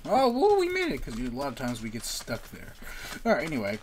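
A player talking casually while gaming at home, excitable and prone to shouting. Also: mid-range voice, fairly quick, noisy background. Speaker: gamer co-host. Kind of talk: casual gameplay banter.

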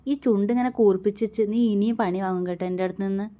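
A woman reading a story aloud and voicing a teasing young man who acts gruff but is affectionate underneath. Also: medium pitch, fairly even intonation, rapid-fire, mellow, natural voice. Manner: teasing, mock-stern.

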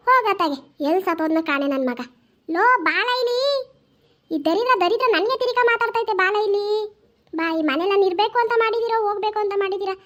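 A woman doing a shrill scolding old village granny. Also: dark tone. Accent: North Karnataka Kannada. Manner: shrill, cursing, wailing. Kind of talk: cartoon voice acting.

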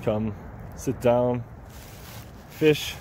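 A man's voice: extremely slow, a little mellow. A man vlogging as he hikes a wooded lakeside trail, talking easily to the camera he holds and often restarting his phrases. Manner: easygoing, chatty, repeats and restarts phrases. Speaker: hiking vlogger. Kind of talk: casual walking commentary to camera. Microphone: handheld camera or phone held by the walker. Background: faint highway traffic.

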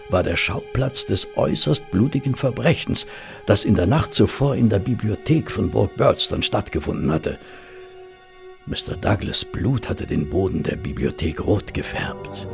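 An actor playing Dr. Watson, a genial English physician telling of a detective case in a German radio drama. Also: male voice, lowish voice, lively intonation, a little slow, creaky, over music. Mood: grave, wry.

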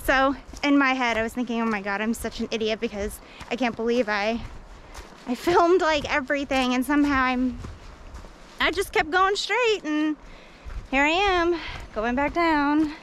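High-voiced and moderately paced, with a fairly bright tone, this solo hiking vlogger narrates to an action camera along a forest trail. Her talk is rambling and self-deprecating, packed with fillers. The recording is rough, carrying a little hiss or hum.

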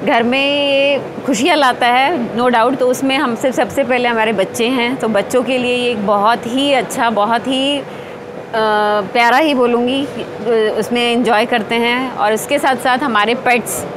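A woman's voice: a little high, fairly even intonation, a little slow, noisy background. A woman in her forties, friendly and searching for words as she speaks at an exhibition stall. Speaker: company representative. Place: large indoor exhibition hall.

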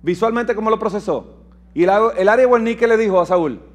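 A man preaching in a lively sermon-style talk, retelling scripture and firing rhetorical questions at his listeners. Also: high-pitched, a little fast. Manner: asks the audience rhetorical questions; retells scripture with emphatic, shifting delivery. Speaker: preacher and health lecturer.

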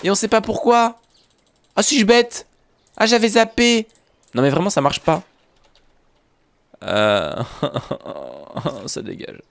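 A man's voice: sits high, expressive, slow, gravelly, long pauses, dry recording. A man giving casual, jokey commentary over Minecraft play, talking straight to his viewers. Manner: yelps when startled. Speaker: Minecraft YouTuber.

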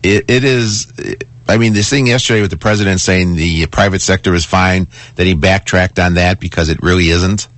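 A man's voice: sits low, steady tone, normal speed, a bit bright. A man hosting a talk radio show in a casual, conversational way, repeating and restarting phrases for emphasis. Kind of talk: casual talk radio monologue and caller chat. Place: radio studio. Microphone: close studio broadcast microphone.

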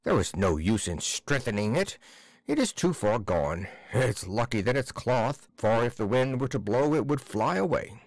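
Man playing a stubborn old tailor, curt and decisive, slightly low, dry close sound. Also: very animated, moderate pace, no echo. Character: blunt one-eyed male tailor, stubborn.

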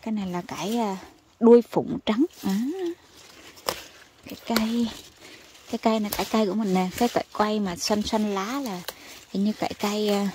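A woman from Vietnam, chatting excitedly to her viewers as she picks vegetables in her home garden outdoors. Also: mid-range voice, a little fast, pauses often, a little hiss or hum. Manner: chatty and exclamatory, calls viewers family. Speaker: gardening vlogger. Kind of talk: casual chat to viewers while harvesting.

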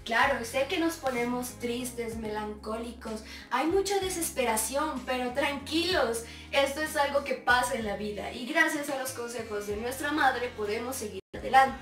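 High-voiced young woman in a dramatic monologue. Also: expressive, normal speed, few pauses. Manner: dramatic, with sobbing and sing-song wailing. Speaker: stage performer. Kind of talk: theatrical monologue. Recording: roomy sound from a distant mic, faint music.

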